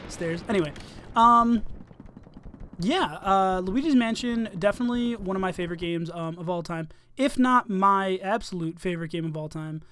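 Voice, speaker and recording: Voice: mid-range voice, normal speed, a bit bright. A let's-play host giving casual, rambling gameplay commentary full of fillers and swearing.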